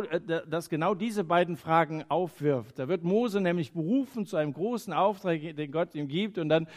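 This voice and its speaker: A man preaching a sermon in earnest, moving between emphatic lines and quiet, hushed phrases, with the odd hesitation as he thinks aloud. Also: fairly high pitch.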